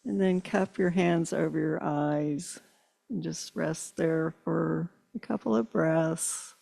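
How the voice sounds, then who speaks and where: A woman leading a guided meditation in slow, soothing, drawn-out phrases. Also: low voice, creaky, warm tone. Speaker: meditation leader.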